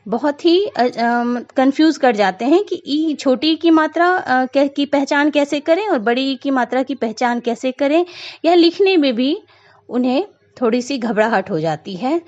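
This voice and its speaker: Slow, patient woman teaching grammar. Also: high voice, expressive, a little mellow. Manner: patient, repeats points, frequent "a" fillers. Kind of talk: slow explanatory lesson. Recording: dull lo-fi recording.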